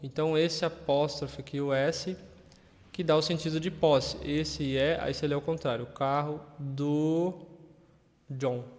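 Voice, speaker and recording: A man's voice: a little high, long reverb tail. A Brazilian man teaching English in a casual video lesson, chatty and often checking that viewers follow. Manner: chatty, keeps checking in with listeners.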